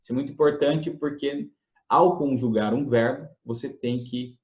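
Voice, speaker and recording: A man's voice: medium pitch, normal speed, roomy sound, lo-fi sound. A man teaching a grammar lesson in a conversational way, with many fillers and restarts, often checking whether the listener has understood. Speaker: English teacher. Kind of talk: explanatory lesson.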